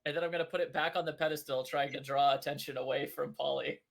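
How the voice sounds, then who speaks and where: A man's voice: on the high side, fairly even intonation, quick pace, creaky. A man playing a tabletop game, describing his moves in a casual, hesitant way with many fillers. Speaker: player.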